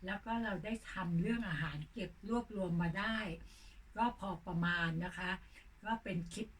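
An older woman hosting her own channel, chatting casually and slowly, her voice hoarse. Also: medium pitch. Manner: slow, unhurried talk. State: hoarse, coughing. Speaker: channel host. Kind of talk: casual vlog chat. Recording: distant mic with faint noise.

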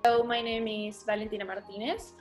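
A woman's voice: medium pitch, level tone, a little fast, soft background music. A teenage girl from Colombia, a Spanish native speaker, speaking earnestly to a camera. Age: teens.

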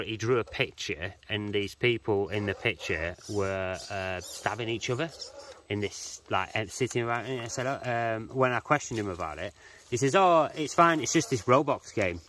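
A middle-aged Englishman with a fairly low voice chats outdoors by some rocks, telling stories and calling his friend "mate." It's a casual, chatty exchange with background noise.

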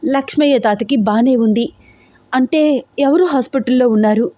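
Woman voicing frantic young daughter, high-pitched. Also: moderate pace, mellow, no echo, natural voice. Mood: panicked. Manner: urgent, pleading, tearful. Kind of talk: storybook audio drama.

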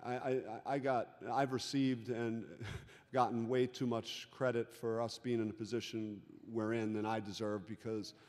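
A middle-aged man, a head coach, answering reporters at a postgame press conference into a table microphone, measured and full of restarts and "you know" fillers. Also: mid-range voice, level tone, a little mellow. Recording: long reverb of a large room.

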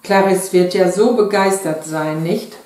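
A woman's voice: on the low side, unhurried, darkish tone, lightly acted. A woman voicing a gushing middle-aged wife delighted by a doll, read in a very echoey room.

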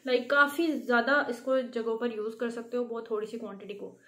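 This woman speaks a little high in a steady, sharp tone at a fairly quick pace. She's a beauty vlogger doing a laid-back how-to video on skincare at home, teaching in a chatty way and repeatedly asking her viewers "theek hai."

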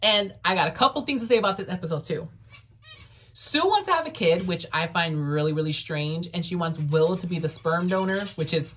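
A woman with a lowish, slightly bright voice talks in an animated, brisk way. A native Spanish speaker, she reviews a TV series in a vlog shot from her bedroom on a desk camera, chatting casually with a sassy, outspoken tone full of fillers.

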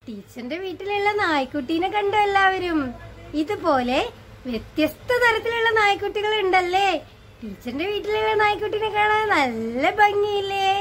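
Sing-song high-voiced woman teacher. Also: a little hiss or hum. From Kerala, India. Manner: slow, sing-song, coaxing questions to children. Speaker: special-needs teacher. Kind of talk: online class for young children.

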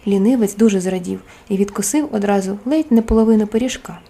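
A woman, the author, reading her own fairy tale aloud as storybook narration, expressive and animated. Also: medium pitch, fast. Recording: soft music underneath.

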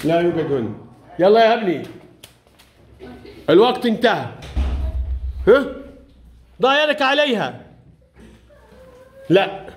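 A male teacher leading a lively classroom lesson, his voice sitting high and swinging widely in pitch. He speaks with a lilt and coaxes the children along, often laughing as he goes. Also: a little slow, pauses often. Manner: coaxing, encouraging, laughs often. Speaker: primary school teacher.

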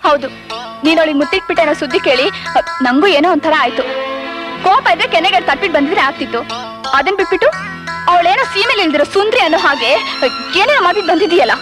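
A woman's voice: very high voice, expressive, fast, pauses often, over music. A fretful, scolding young woman. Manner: fretting, scolding tone. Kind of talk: 1980s film dialogue.

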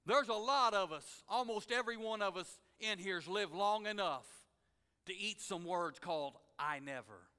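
Pastor, very high clear voice, folksy sermon, long hall reverb. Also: male voice, moderate pace. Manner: folksy and conversational, swelling to shouts.

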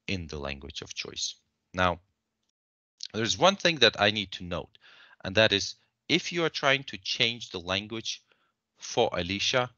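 A man walking through a software demo on a screen share, explaining steps in a measured way with frequent fillers. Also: deep voice, dry recording, dull audio.

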